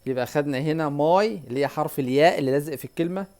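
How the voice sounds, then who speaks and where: A man with an Egyptian Arabic accent teaching a whiteboard English lesson, repeating words slowly and quizzing the viewer. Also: on the high side, a little mellow.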